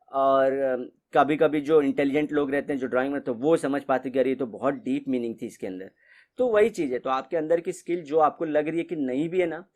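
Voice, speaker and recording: A man with a mid-range, darkish voice teaches a class in a casual, conversational style. He mixes English phrases into his explanations and keeps repeating "ठीक है."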